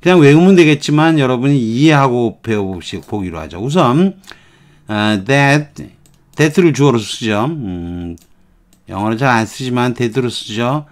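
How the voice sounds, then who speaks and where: A man teaches an English lesson in an unhurried, deliberate way. His pitch is middling and his pace slow. He repeats phrases patiently as he explains them. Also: expressive.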